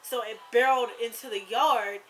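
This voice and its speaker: Young woman, YouTuber, casual storytelling, lots of "like", bright tone, slightly high voice. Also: normal speed, a little hiss or hum, rough recording. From rural US South. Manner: rambling, animated storytelling with many fillers.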